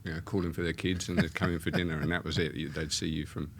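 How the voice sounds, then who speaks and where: A man's voice: extremely low pitch, little pitch movement, fast, a little hiss or hum. A man in his fifties with a mixed English and Australian accent, telling his story as an interview guest in a hesitant, meandering way. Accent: mix of English and Australian. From born in Australia, raised in England. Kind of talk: casual interview chat.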